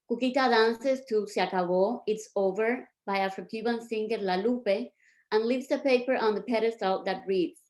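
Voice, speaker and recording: A woman from Cuba presenting her performance art on a video call, speaking in a measured, reflective way with pauses. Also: mid-range voice, a little mellow. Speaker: performance artist.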